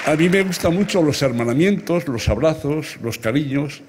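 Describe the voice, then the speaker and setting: On an open-air ancient theatre stage at night, before a large audience, an award recipient in his seventies from Extremadura gives an emphatic, rhetorical ceremonial speech, speaking straight to listeners. He has a husky voice on the high side, a Spain Spanish accent, lively intonation, and a moderate pace. Through lectern microphones, the amplified outdoor audio is very noisy with crowd sounds.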